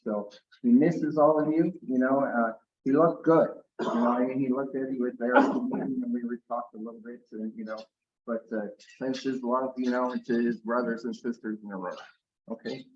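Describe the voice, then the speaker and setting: A man giving a short, halting update full of fillers. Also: medium pitch, steady tone, a little mellow, roomy sound, lo-fi sound, a little hiss or hum. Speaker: club member giving an update.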